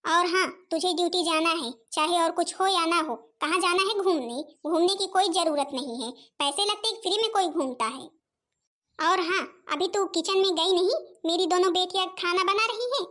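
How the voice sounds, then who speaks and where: A woman's voice: very high voice, normal speed, fairly bright tone. A woman voicing a stern, stingy middle-aged mother-in-law in a cartoon, scolding harshly. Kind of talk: cartoon voice acting.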